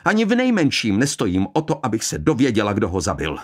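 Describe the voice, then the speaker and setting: A man's voice: fairly low pitch, wildly swooping pitch. A man voicing a bitter young woman who speaks coldly, sharply and with contempt. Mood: scornful. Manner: cold, sharp, piercing, contemptuous. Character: bitter young woman, cold and scornful daughter.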